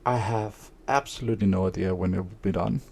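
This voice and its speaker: A Danish-speaking streamer and aspiring author delivers a casual monologue slowly and evenly, in a monotone. His low voice is gravelly and husky, dark and mellow, and he speaks hesitantly with many fillers.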